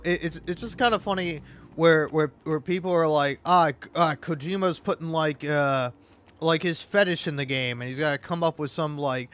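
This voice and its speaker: Streamer dude rambling about games, laughs a lot, kinda high voice, munching food. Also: male voice, fairly bright tone. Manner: rambling, chuckling, restarts a lot. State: eating while talking. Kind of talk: casual gaming chat.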